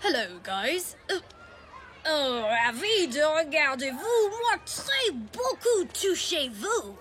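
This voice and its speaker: A woman's voice: high-pitched, sing-song, takes it slowly, fairly bright tone, soft background music, full character voice. A woman voicing a polite English exchange-student boy who speaks broken French with an English accent. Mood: polite, halting. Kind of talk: cartoon voice acting.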